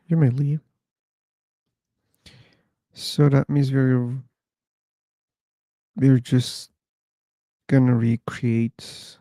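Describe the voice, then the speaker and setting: A man's voice: mid-range voice, mellow, dry recording. A man hosting an online discussion livestream, chatting casually and thinking aloud as he waits for callers. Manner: slow, musing, thinking aloud.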